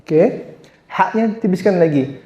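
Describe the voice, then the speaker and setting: A man's voice: high-pitched, animated, unhurried, mellow, echoey room, highs cut off. A man teaching Quran recitation, drawing out sounds and explaining them patiently.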